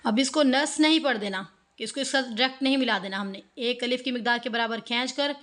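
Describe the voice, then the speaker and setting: A woman's voice: fairly high pitch, fast talker, fairly bright tone. A woman giving an online tajweed lesson, patiently explaining pronunciation step by step and drawing out each syllable as she recites. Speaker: online Quran teacher.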